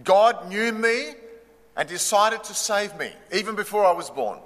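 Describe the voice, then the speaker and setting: Bright-voiced pastor in his sixties. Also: high voice, expressive. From Australia. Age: 60s. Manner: measured, pausing for translation. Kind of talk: sermon with line-by-line interpreter. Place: church hall. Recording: long reverb of a church hall.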